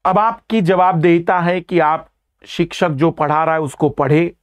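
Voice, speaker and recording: A man lectures students in a live online class, his voice sitting a little high. He explains patiently, stresses each key term and often says it twice. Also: fairly even intonation, unhurried. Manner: explanatory, emphatic, repeats key terms. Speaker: teacher.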